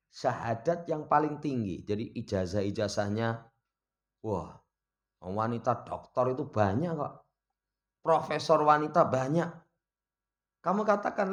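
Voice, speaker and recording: A man teaching a religious lesson, reading Arabic text aloud and explaining it in with a slight touch, his pitch and volume swinging widely.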